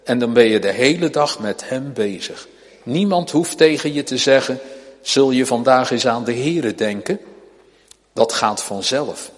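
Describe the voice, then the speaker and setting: A man's voice: mid-range voice, measured pace. A man preaching a sermon to his congregation, pleading earnestly and urgently, with rising emphasis. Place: church. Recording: long reverb of a church hall.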